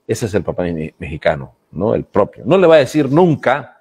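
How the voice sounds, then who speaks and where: A man's voice: fairly low pitch, very animated, brisk, darkish tone, slightly rough. A man, giving a spelling workshop lecture to an audience and often checking in with short questions. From Bolivia. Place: library lecture hall.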